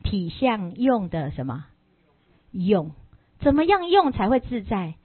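Animated woman giving a dharma talk. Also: mid-range voice, takes it slowly, breathy edge, no echo. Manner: animated, rhetorical questions to the audience. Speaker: Buddhist dharma teacher. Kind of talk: lively dharma talk with storytelling. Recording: tinny lo-fi, dry.

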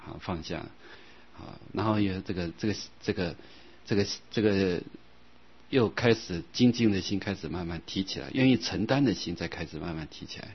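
In a low, slightly rough voice, a man delivers an unhurried, gentle dharma talk, with quiet fillers and long, stretched-out scripture recitation. The audio is dull and lo-fi.

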